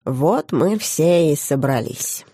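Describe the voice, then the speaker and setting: A woman voicing a sly, scheming middle-aged male academy director in an audiobook, speaking in a smug, drawn-out, biting way. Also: low-pitched, lively intonation, warm tone, slightly rough, dry recording, studio quality, exaggerated voice. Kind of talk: audiobook character voice.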